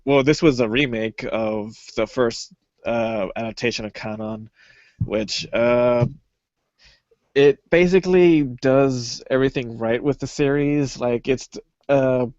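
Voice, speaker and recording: A man's voice: medium pitch, a little mellow, no echo. Rambling young man, dull lo-fi sound. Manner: rambling, filler-heavy, hesitant. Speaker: podcast co-host. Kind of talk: casual chat. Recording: dull lo-fi podcast audio.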